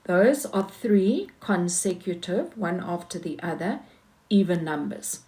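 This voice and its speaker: A woman's voice: fairly low pitch, expressive, measured pace, darkish tone. A woman teaching maths, talking patiently through each step of a worked example and repeating key points.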